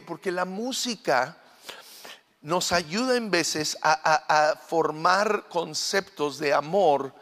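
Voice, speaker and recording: A middle-aged man preaching a sermon as pastor, shifting from soft asides to loud proclaiming, with fillers and repeated words. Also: a little high, in a large hall.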